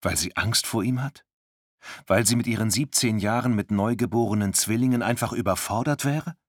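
Deep husky male audiobook narrator. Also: no room sound, clean studio sound. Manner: tense measured reading. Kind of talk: scripted thriller narration. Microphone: close studio mic.

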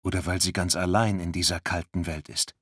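A man narrating a thriller audiobook in a tense, measured studio reading. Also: low-pitched, fairly even intonation, a bit bright, breathy edge, dry recording. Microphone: close studio mic.

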